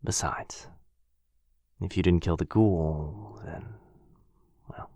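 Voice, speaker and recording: Heavily acted, this male performer plays a brooding, protective vampire lord in a one-sided boyfriend ASMR fantasy scene, sounding somber and apologetic. He speaks low and gravelly, hushed and measured with halting pauses, frequently slipping into a breathy murmur. He is close to the microphone in a dry setting with no echo.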